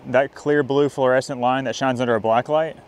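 A young man narrating his night fishing trip by a riverbank in a casual vlog style. He gets excitable, whooping and hollering whenever a fish bites. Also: mid-range voice, brisk. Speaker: fishing vlogger. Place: riverbank near a dam at night, outdoors.

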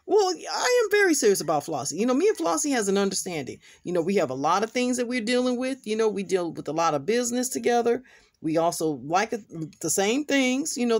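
A woman playing a hedging, low-voiced reverend. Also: darkish tone, no echo, clean studio sound. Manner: slow, hedging, full of "you know". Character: male church reverend, evasive suitor. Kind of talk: doll play role-play.

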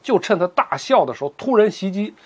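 Husky, lively male storyteller. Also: high-pitched, a little fast. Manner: lively, colloquial and joking. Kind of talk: casual storytelling narration.

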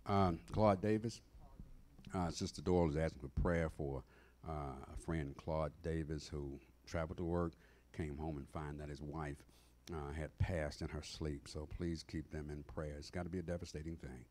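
A man's voice: very deep voice, steady tone, normal speed, a little mellow. A middle-aged man teaching a Bible class in a church sanctuary, emphatic and asking the class questions as he goes. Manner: emphatic, call-and-response questions. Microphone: standing in front of a mic stand.

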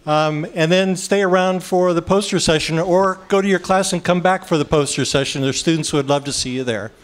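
A man makes brief, polite announcements to an audience after a lecture, pausing on fillers now and then. His voice is smooth and clear, and sits a little high for a man. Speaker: event organizer.

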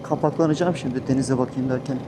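A man's voice: mid-range voice, fairly even intonation, fast. A man from Turkey talking casually and playfully to himself as a motovlogger out on a ride. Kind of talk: casual vlog chat. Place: outdoors, riding a motorcycle. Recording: loud vehicle and outdoor noise.

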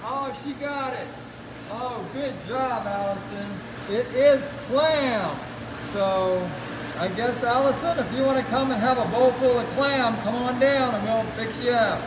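A middle-aged man with a high voice talks through a face mask over the loud hum of a pump-filled work room. He explains things casually, in a folksy way, as an aquarium guide to his viewers. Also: measured pace. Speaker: aquarium animal keeper and guide. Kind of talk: casual educational live talk.

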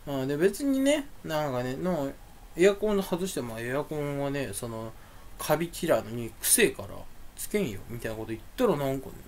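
A young man rambling alone to his audience, grumbling and ranting with sudden loud bursts. His pitch leaps around in a lively, animated way, and his voice has a naturally angry edge. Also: fairly quick, slight background noise. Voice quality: voice sounds angry even when not. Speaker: streamer. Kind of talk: solo rambling monologue.

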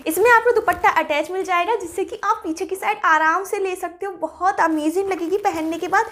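High-voiced woman chatting through a clothing haul. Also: fairly quick, fairly bright tone. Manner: chatty, mixes English words into Hindi, enthusiastic about prices. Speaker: fashion haul vlogger. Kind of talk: casual product review.

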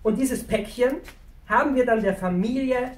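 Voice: medium pitch, moderate pace, recorded from a distance, natural voice. Fridolin, someone playing a chatty donkey storyteller. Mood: friendly. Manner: chatty, addresses the children directly. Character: friendly male pack donkey telling children stories. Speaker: children's storyteller. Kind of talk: storytelling to children. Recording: roomy, from away from the mic.

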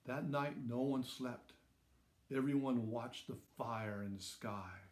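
Reading a children's story aloud at a slow pace, this man in his sixties keeps his phrasing plain and measured while stressing important words for drama. His voice is medium-pitched and slightly mellow, with noticeable room echo in the recording.

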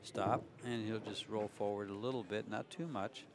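A man calling a pool match in a measured, explanatory way, walking through each shot. His voice sits fairly low. He talks alongside a more excitable co-host. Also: noisy background. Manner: measured, explains shots in detail. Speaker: pool commentator. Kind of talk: live pool commentary.

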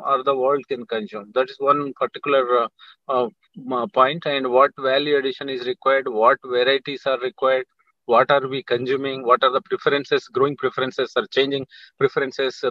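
A middle-aged man with an Indian accent, speaking as a panelist on a video call, halting with many fillers and restarts. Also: mid-range voice, no room sound. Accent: Indian English. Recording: dull, dry video call audio.

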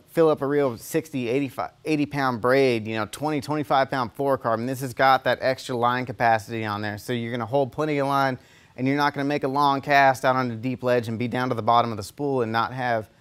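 A man's voice: mid-range voice, smooth. A young man hosting a casual rundown of new fishing tackle, upbeat and filled with "you know", filmed on an indoor studio set. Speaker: fishing tackle store host.

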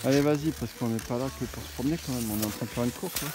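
A man's voice: medium pitch, racing, loud music behind the voice. A man in his thirties chatting casually and teasing as he films himself skiing through a snowy forest, then driving. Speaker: vlogger. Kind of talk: casual vlog chat. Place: outdoors on a snowy forest ski trail, later in a car.

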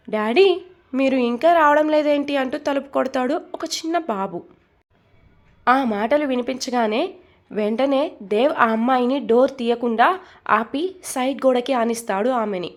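A woman narrating a romance story, reading every character's lines herself. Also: a little high.

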